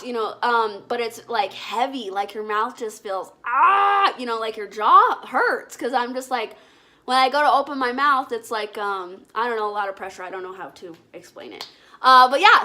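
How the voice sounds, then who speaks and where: Woman, high-pitched, very bright forward voice, casual vlog chat, hands-on explaining. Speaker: vlogger.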